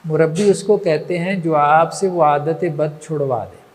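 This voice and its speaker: Male religious teacher, high voice, long reverb, lecturing and checking in with the audience. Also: unhurried. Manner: rhetorical, checks in with listeners often. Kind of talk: lecture on moral training.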